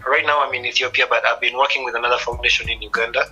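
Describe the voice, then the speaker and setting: A man, a musician guest speaking thoughtfully, with many pauses, in a radio interview. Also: medium pitch, steady tone, sharp tone, rough recording. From East Africa. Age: 30s.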